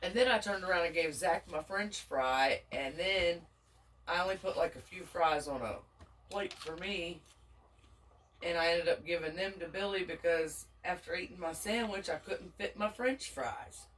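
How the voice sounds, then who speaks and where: A woman with a Southern US accent chatting casually with her husband while eating on camera, folksy and quick to laugh. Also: fairly low pitch, fairly bright tone, distant mic, poor audio. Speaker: vlogger, mukbang co-host.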